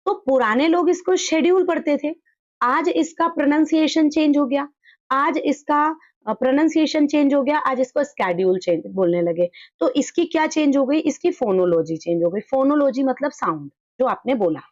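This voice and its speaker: A woman with a fairly high voice teaches an exam prep class, explaining points in Hindi. She slows right down to read English definitions aloud. The sound is dry and a little dull and lo-fi. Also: no room sound.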